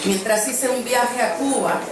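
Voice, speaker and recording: A woman with a voice on the high side preaches earnestly and a little slowly, recounting a personal story and repeating phrases to drive her points home. The sanctuary sounds very echoey, captured from afar, with background noise.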